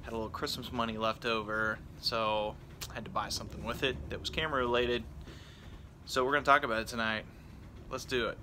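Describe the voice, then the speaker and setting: A man's voice: medium pitch, steady tone, fairly quick, pushed and bright, a little hiss or hum. A man chatting casually and informally outdoors in a backyard, rambling and interrupting himself as he reviews gear. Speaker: product reviewer and vlogger. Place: outdoors in a backyard on a rainy evening.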